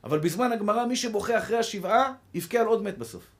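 A man with a high voice giving a sermon to his congregation as a rabbi. He preaches with passion, repeats key phrases again and again, and keeps calling his listeners brothers. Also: animated. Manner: impassioned, repeats phrases for emphasis.

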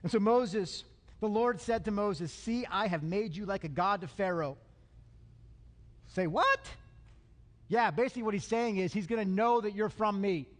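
A man's voice: sits high, normal speed. A man pastor preaching a sermon, emphatic and fond of repeating his lines for effect, in a church sanctuary. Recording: long hall reverb.

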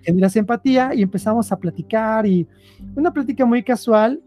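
Mexican-accented man, casual storyteller, mellow voice, lively and full of slang. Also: sits high, brisk, soft background music. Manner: slangy, animated, acts out quotes. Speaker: guest.

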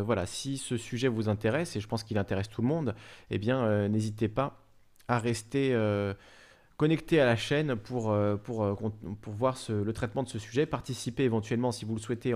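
A man hosts a live stream and talks casually to his viewers. He reads their messages out loud and answers them. His voice sits at a middling pitch, and he speaks haltingly, with lots of fillers and false starts. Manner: halting, many fillers and restarts. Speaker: livestream host.

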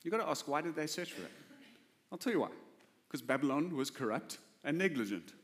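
A man's voice: on the high side, very animated, brisk, fairly bright tone. Emphatic male pastor in a reverberant hall. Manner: emphatic, conversational preaching with rhetorical questions. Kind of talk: sermon. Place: church hall. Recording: preaching in a large reverberant hall.

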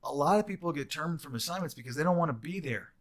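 A man's voice: on the high side, a crowd in the background. A man who works as a recruiter, co-hosting a casual chat and talking animatedly with some teasing. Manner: talkative, animated, quick to tease. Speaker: travel nurse recruiter, podcast co-host.

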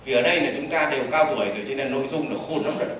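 A man gives a lively seminar lecture, putting questions to the audience and answering them himself. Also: medium pitch, rapid-fire, distant mic, slight background noise. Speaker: business trainer. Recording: echoey hall recorded from afar.

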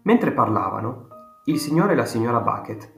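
Animated male audiobook narrator. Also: medium pitch, vocal fry. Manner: measured, animated storytelling. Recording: roomy reading with faint guitar music.

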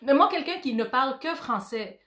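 A woman's voice: high voice, expressive, normal speed, crowd noise. A woman with a Québécois French accent speaking frankly in casual chat, mixing in English slang. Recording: roomy echo.

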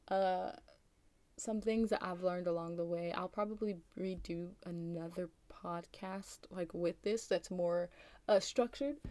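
A young American woman hosts a casual solo podcast in a slightly raspy, just-woke-up voice that's on the low side and dark in tone, with no echo. She rambles chattily, filling her talk with ums and likes.

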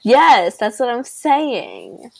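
Slow-talking woman on a stream. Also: mid-range voice, lively intonation, gravelly. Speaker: streamer co-host. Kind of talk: casual chat.

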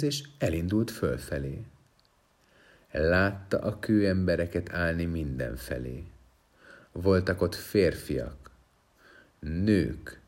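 A man reading a fairy tale aloud with expressive, dramatic storytelling. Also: low voice.

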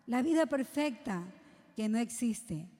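A woman's voice: fairly high pitch, lively intonation, measured pace, mellow. A woman preaching a sermon to young people, asking the congregation rhetorical questions. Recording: long hall reverb.

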